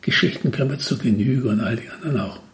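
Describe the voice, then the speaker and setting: A man's voice: mid-range voice, quick pace, close to an everyday voice. A man voicing an ancient four-faced male god who grumbles and lectures. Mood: brusque. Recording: roomy echo.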